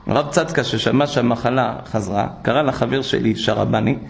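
An older rabbi preaches a sermon full of stories, animatedly acting out the people he quotes. His voice is medium in pitch and creaky.

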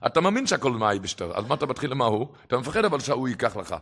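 A man's voice: medium pitch, very animated, fairly bright tone. A man preaching a religious sermon and telling stories, impassioned, with his voice swelling and dropping for emphasis. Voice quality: gravelly.

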